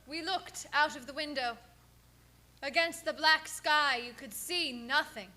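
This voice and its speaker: Woman playing a haunted young wife, high, bright. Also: a little hiss or hum. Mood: alarmed. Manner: measured, suspenseful diary narration. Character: tense, haunted young wife recounting eerie events. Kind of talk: radio drama narration.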